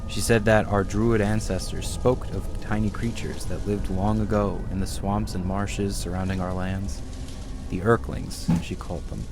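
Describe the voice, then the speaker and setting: A man narrating a horror game as a grim villager, speaking in a measured, solemn way. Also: low-pitched, flat delivery, music in the background. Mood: grave.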